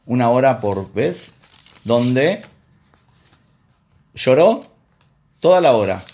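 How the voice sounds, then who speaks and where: A man's voice: mid-range voice, darkish tone. Man preaching, conversational tone. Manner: conversational, acts out quoted voices. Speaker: pastor and counselor. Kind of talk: sermon with personal anecdotes.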